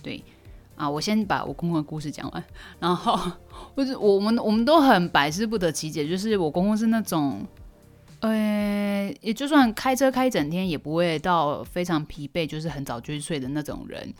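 A woman's voice: fairly low pitch, lively intonation, normal speed, faint music behind. A young woman hosting a casual solo podcast. She tells stories expressively, and her voice jumps up when she is surprised. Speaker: podcast host.

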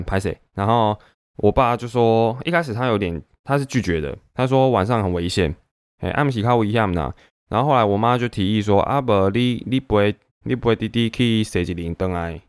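A young man with a Taiwanese Mandarin accent, venting casually to camera in an animated way with many fillers. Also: on the low side, clear, resonant tone, no room sound, clean studio sound. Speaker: vlogger.

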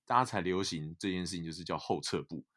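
A young man, a guest telling stories in a casual interview, animated and full of fillers. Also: sits low, quick pace. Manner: animated storyteller, many fillers. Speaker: guest, basketball player.

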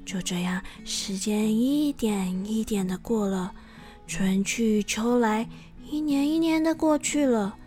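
A woman with a Taiwanese Mandarin accent narrating a folk tale for children in a lively, expressive way. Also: on the high side, slow, soft background music. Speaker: storyteller.

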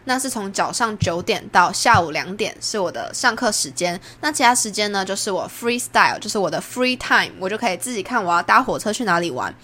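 A young woman from Taiwan with a Taiwanese Mandarin accent, hosting a podcast and chatting through a personal story, jumping up in pitch when she acts out what people said. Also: expressive, brisk, hardly any pauses, sharp tone, a little hiss or hum. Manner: chatty, acts out quoted lines with big pitch jumps. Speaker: podcast host. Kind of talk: casual storytelling monologue.

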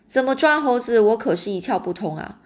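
A woman's voice: on the high side, expressive, fairly quick, close to an everyday voice. A woman reading aloud and voicing a kindly, teasing old grandfather in a storybook.

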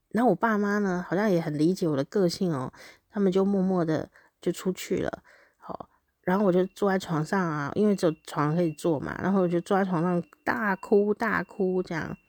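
Woman, 30s, podcast diary reader; lowish voice, candid and animated, dry close sound. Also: no room sound. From Taiwan. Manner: animated and candid, with frequent laughs. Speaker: podcast host. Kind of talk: reading a personal diary aloud.

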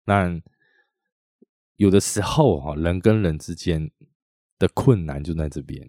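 A man from Taiwan with a Taiwanese Mandarin accent, hosting a podcast and telling a story in a chatty way with many drawn-out tag particles. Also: low-pitched, warm tone, dry recording, studio quality. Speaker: podcast host. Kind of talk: casual storytelling monologue.

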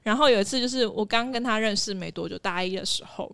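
A woman's voice: mid-range voice, quick pace, creaky, fairly bright tone, smooth, no echo. A woman, animatedly telling stories in a casual chat and often laughing as she goes.

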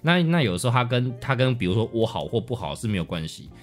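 A man, chatting casually as a podcast co-host. He talks in an animated way and acts out his own past thoughts. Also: mid-range voice, fast. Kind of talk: casual chat. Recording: faint music in background.

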